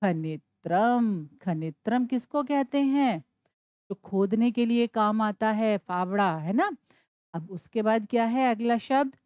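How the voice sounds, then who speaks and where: Woman teacher, higher voice, slow patient spelling-out, dry close sound. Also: animated, darkish tone, no room sound, muffled recording. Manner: spells words out slowly letter by letter, asking and answering her own questions. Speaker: Sanskrit teacher. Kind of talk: classroom explanation.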